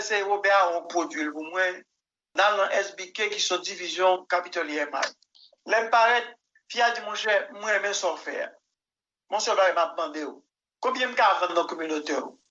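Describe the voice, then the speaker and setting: A man with a Haitian accent, speaking in a high, very bright and piercing voice. He answers interview questions emphatically, doubling words and acting out what others said. The broadcast audio sounds somewhat dull and lo-fi. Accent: Haitian Creole. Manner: emphatic, repeats words, tells anecdotes with quoted dialogue. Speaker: musician guest.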